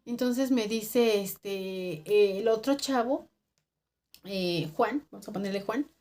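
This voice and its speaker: A woman with a Mexican accent tells a spooky personal story in a vlog, animated and dropping to a hush at the tense parts. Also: a little high, slow pace. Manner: animated storytelling, drops to a hushed voice for tense moments. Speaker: vlogger.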